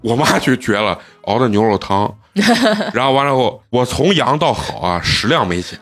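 A man, a podcast host telling stories in a casual chat, animated and often laughing. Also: medium pitch, normal speed, soft background music.

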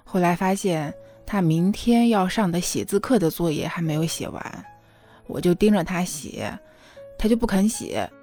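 Earnest low-voiced woman confiding. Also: expressive, normal speed, dark tone, faint music behind. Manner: earnest, emotional, often asks the listener "you know?". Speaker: mother telling a personal story. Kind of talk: confiding spoken monologue.

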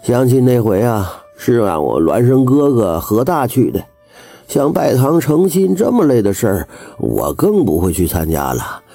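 A male storyteller voicing a lazy, drowsy young man who mumbles slowly as if half asleep. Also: mid-range voice, big pitch swings, warm tone, soft background music. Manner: slow, mumbling, yawning, indifferent.

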